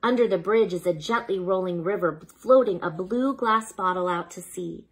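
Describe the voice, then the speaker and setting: This woman's voice sits on the low side and carries a slight huskiness. She reads a bedtime story for children slowly and with expression, addressing it as if to a child.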